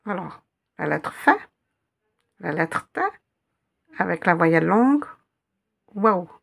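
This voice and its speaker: A woman's voice: fairly low pitch, lively intonation, takes it slowly, gravelly, fairly bright tone. A woman teaching a reading lesson, patiently spelling out letters and repeating each word several times. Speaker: Arabic teacher.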